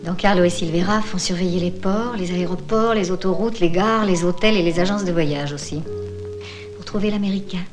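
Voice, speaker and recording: A woman's voice: lowish voice, normal speed, close to an everyday voice. Actress as sly female informant, small and short-sighted, theatrical teasing delivery, dubbed film drama, faint music underneath. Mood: smug, teasing. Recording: music behind the voice.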